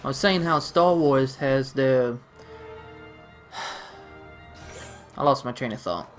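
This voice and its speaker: A man's voice: medium pitch, takes it slowly, faint music behind. A man giving casual, rambling gameplay commentary, playfully talking to himself and the game. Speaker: let's-play gamer.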